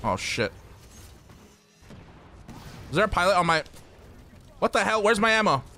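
A young man giving excitable live commentary while streaming a shooter game, swearing casually and talking to his chat and teammates. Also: high-pitched, unhurried, a little hiss or hum. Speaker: gaming streamer.

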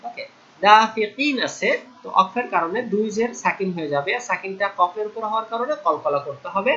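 A man from Bangladesh teaching tajweed, chanting verses slowly and then explaining the rules in quick, plain speech. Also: sits high, expressive, bright, forceful tone, dull audio. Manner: alternates slow drawn-out recitation with quick explanations. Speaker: Quran teacher. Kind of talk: tajweed recitation lesson.

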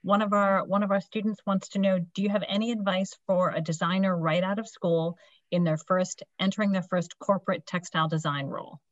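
A woman moderating a video call panel, asking clear questions steadily. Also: on the low side, steady tone, fairly quick. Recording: dull video call audio.

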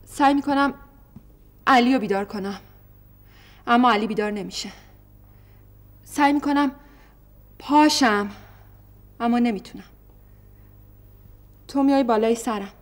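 In a televised stage drama, an actress plays a frightened young wife, the daughter, describing her nightmares to her mother in an anxious, pleading way. Her natural voice sits fairly high, and she pauses often, sounding troubled.

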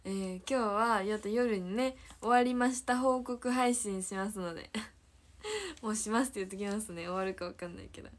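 At normal speed and medium pitch, a teenage girl from Hyogo, Japan, an idol trainee, chats on a livestream in a Kansai accent. She giggles frequently and repeats her own words while going through viewer comments.

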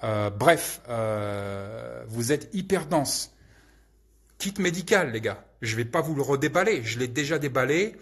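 A man with a husky, slightly rough voice talks through viewer questions in a loose, off-the-cuff way. He hesitates constantly and throws in crude slang, sounding relaxed and unscripted. His pitch sits right in the middle for a man. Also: unhurried, few pauses. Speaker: channel host answering viewer questions. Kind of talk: casual live Q&A chat.

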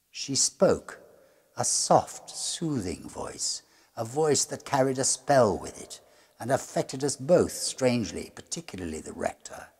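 A lowish, husky voice belongs to a middle-aged man narrating a gothic ghost tale. Gravelly and theatrical, his delivery stays measured and full of suspense.

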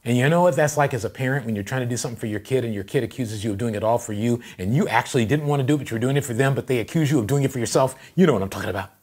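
A male pastor preaching a sermon, telling a story with animated, emphatic delivery that builds to loud passages. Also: medium pitch, very fast, few pauses. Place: church livestream.

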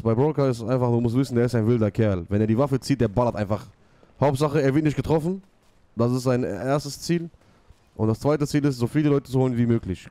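A man's voice: medium pitch, warm tone, dry recording. A man in his thirties role-playing a gang boss in an online game, commanding and full of street slang, on a desk mic. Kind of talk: in-character gaming role-play talk. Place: small room at home, indoors. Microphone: desk mic near the mouth, with headset.

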